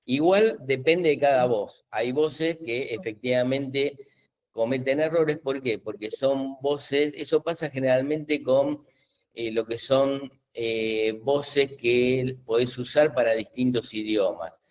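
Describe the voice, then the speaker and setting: A middle-aged man answers questions in a live webinar, talking over a video call at an ordinary pitch. He explains things patiently, filling pauses and restarting sentences as he goes. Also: a little mellow. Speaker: webinar host explaining AI tools.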